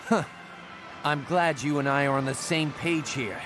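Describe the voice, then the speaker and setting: An actor playing a brash, swaggering young assassin in a video game. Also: male voice, on the high side, measured pace, very noisy, natural voice. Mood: cocky. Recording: game audio under loud music.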